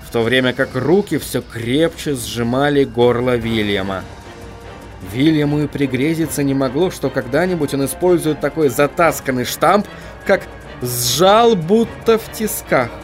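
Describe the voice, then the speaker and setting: A man reading an audiobook as narrator, with an expressive reading. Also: mid-range voice. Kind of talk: scripted narration.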